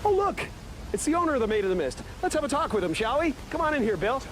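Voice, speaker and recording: A man's voice: extremely high pitch, sing-song, fast, background noise. An actor playing a resentful male TV reporter, sarcastic and bitter, live on location. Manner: bitter, sarcastic, builds to shouting. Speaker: field news reporter. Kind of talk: film comedy acting.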